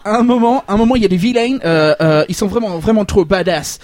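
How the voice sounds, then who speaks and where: A man's voice: sits high, fast, darkish tone, lightly acted. A man playing a boastful, greedy manga author with a Belgian accent, stammering through heavy franglais. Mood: hyping. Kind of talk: comic parody interview.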